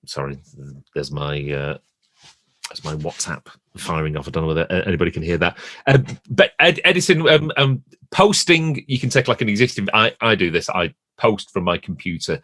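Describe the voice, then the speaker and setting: A man's voice: low-pitched, lively intonation, moderate pace, fairly bright tone, no room sound. A man chatting casually as a podcast co-host, often restarting phrases as he thinks aloud.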